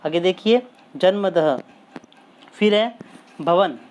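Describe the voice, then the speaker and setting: Slow, deliberate male teacher reading lists. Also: high voice, a little mellow.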